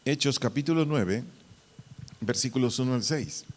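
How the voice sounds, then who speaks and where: A man, a pastor, giving a Bible teaching, deliberately repeating and spelling out key words. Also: medium pitch. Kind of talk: Bible teaching to church servers. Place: church hall. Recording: long hall reverb.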